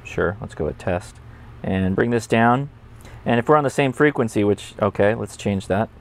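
Talking at normal speed in a lowish voice, an American man in his forties runs a casual instructional demo to camera for his ham radio video channel. He's conversational and enthusiastic as he works hands-on in his indoor home studio and workbench.

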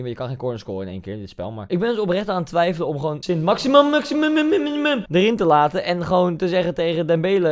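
Hoarse young man shouting over gameplay. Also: fairly high pitch. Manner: shouts and cheers at goals. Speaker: gaming video host. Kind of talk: excited gameplay commentary.

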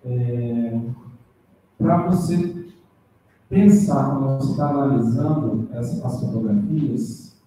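Man with a very dark voice, from afar. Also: medium pitch. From Brazil, Rondônia. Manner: halting, with many tag questions and restarts. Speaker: seminar discussant. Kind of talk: academic feedback in a seminar. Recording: echoey room, distant mic, faint noise.

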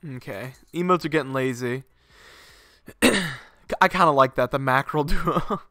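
The sound is studio-clean with no echo: a medium-pitched male voice at a moderate pace, pushed and bright. It belongs to a young game streamer in his home garage, congested and sinusy, chatting idly, rambling and dropping swear words.

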